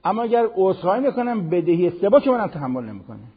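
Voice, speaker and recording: An older man giving a televised religious lesson, preaching in an animated, conversational way with everyday examples. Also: sits high, slightly rough, long reverb tail, phone-quality sound. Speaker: Quran teacher.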